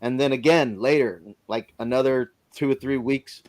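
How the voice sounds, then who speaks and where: A man's voice: medium pitch, moderate pace. A man casually telling a personal story on a live stream, in plain informal speech. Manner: lively storyteller who acts out others' lines.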